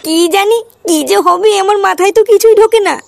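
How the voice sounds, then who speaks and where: A woman's voice: very high-pitched, fast talker, creaky, a little hiss or hum. A woman voicing a timid young girlfriend in a comedy cartoon who speaks in an anxious, fretful way. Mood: worried.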